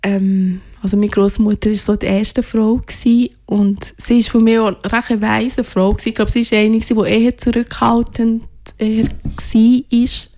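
A woman from Ghana, as an interview guest, soft-spoken and hesitant, searching for her words. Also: fairly high pitch, level tone, unhurried, few pauses. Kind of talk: reflective personal interview.

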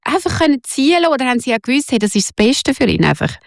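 Swiss German woman in her thirties, higher voice, dry close sound, encouraging interviewer. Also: sing-song, gravelly, no room sound. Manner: friendly, encouraging, quick follow-up questions. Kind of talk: conversational interview.

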